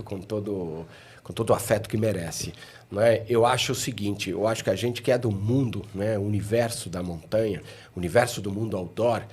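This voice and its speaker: Middle-aged man from Chile, low husky voice, talkative podcast guest with constant tag questions. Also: darkish tone. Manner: chatty, ends phrases with tag questions. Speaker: mountaineering guide, podcast guest. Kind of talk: casual podcast conversation.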